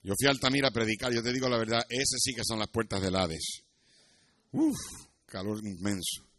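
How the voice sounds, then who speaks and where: A middle-aged man preaching a sermon in church, telling stories and rising into loud, emphatic passages. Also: on the low side, moderate pace, no echo, clean studio sound. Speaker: pastor.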